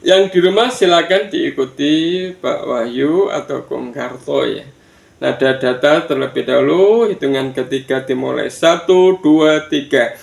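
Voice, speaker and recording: Slow, gravelly male Quran teacher. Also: medium pitch. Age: older. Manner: addresses children warmly, counts aloud and drills chanted recitation. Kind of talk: slow online Quran recitation lesson for children. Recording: echoey room.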